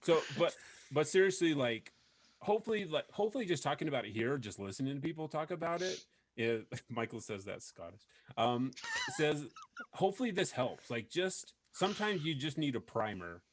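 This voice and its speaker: A man's voice: fairly high pitch, very animated, moderate pace, a little hiss or hum. A man hosting a podcast, talking earnestly and rambling with many fillers in casual chat. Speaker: podcast host.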